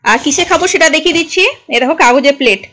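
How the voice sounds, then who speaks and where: A woman's voice: sits high, very fast. A woman chatting to her viewers in a casual vlog as she shows around her emptied home, her voice ringing in the echo of a bare room. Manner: chatty, showing things around. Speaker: vlogger. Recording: echoey empty room.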